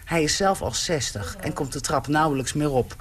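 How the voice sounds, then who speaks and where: A man delivers a scripted radio report from abroad, with a slightly raised pitch. His reading is calm and measured. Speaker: foreign correspondent.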